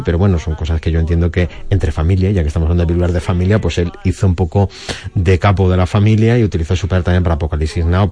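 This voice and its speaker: A man's voice: low voice, warm tone. A man giving conversational, explanatory commentary as a film music expert on radio.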